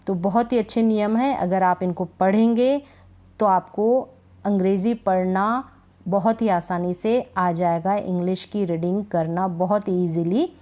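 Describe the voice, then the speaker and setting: A woman with an ordinary mid-range voice teaches a phonics lesson in Hindi. She drills word after word at a slow, patient pace and keeps checking that her learners have followed. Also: mid-range voice, a little mellow. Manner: slow, repetitive drilling of words, frequent "thik hai" check-ins. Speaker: English reading teacher.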